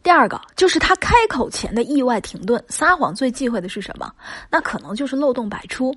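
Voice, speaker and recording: Woman relationship coach, higher, husky voice, lively emphatic delivery, faint music underneath. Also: a little fast. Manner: emphatic, chatty, rhetorical questions. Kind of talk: spoken lesson to listeners.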